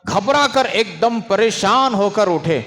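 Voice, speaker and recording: Male preacher, sermon, fairly high voice, lively rising and falling delivery, long hall reverb. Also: takes it slowly. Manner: animated, swinging between raised emphasis and low asides; scolds and hushes children in the audience. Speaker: Islamic preacher. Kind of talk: religious sermon.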